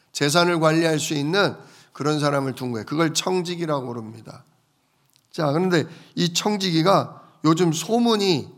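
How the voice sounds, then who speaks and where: A man preaching a sermon as a pastor, retelling a parable with lively storytelling and questions to the congregation. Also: a little high.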